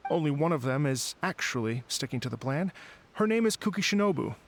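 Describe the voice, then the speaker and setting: A man's voice: on the high side, lively intonation, a little fast, slight background noise. An actor playing a courteous young male event organizer who hesitates with small fillers and sounds a little fussy. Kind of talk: video game voice acting.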